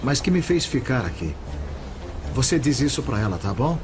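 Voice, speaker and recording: An actor playing an anxious, hesitant husband who is a patient, with a Brazilian accent, in a dubbed documentary. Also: male voice, medium pitch, very animated, moderate pace, close to an everyday voice. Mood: worried. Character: anxious married male accident patient. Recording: music behind the voice.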